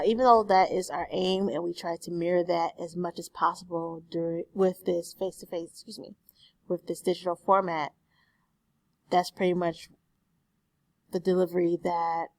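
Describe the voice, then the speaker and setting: A woman's voice: lowish voice, fairly even intonation, moderate pace, a little mellow, no room sound. A woman speech instructor giving a recorded online lecture in a conversational way, often correcting herself. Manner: conversational, frequent self-corrections and "excuse me".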